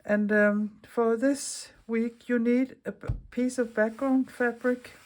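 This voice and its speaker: With a fairly high pitch, fairly even intonation and a slow pace, a middle-aged Danish woman talks through a chatty craft tutorial. English is her second language, her Danish accent is clear, and she often starts her words over.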